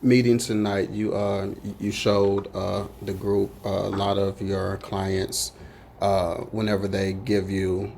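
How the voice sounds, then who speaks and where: A man hosting a radio interview, asking halting questions full of "uh"s. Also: on the low side, level tone, vocal fry, a little mellow, slight background noise. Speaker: radio host.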